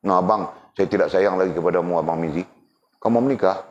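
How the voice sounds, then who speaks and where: A man's voice: sits low, fast talker, a little mellow, lightly acted. A fed-up, mocking wife tells her husband off in a raised, teasing voice, put on by a male teacher. The recording is dull and lo-fi. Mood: defiant.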